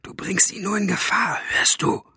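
A frightened, protective woman who hisses her words in an urgent near-whisper, high and strained. A man reads her in a storybook. Husky and dry. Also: steady tone, moderate pace, bright, forceful tone, no room sound, full character voice. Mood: hissing. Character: strong middle-aged woman, frightened, fiercely protective.

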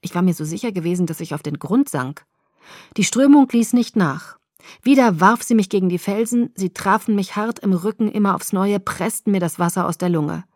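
A woman narrating an audiobook in an expressive, dramatic reading. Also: medium pitch, moderate pace, no echo, studio quality. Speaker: audiobook reader. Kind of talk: scripted narration.

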